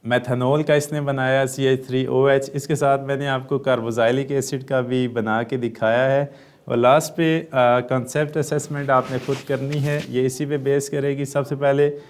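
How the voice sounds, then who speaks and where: A man with a Pakistani Urdu accent gives a chemistry lesson in a classroom lecture, working through it step by step and answering his own questions. His pitch is medium and his tone level, and he pauses often with "uh."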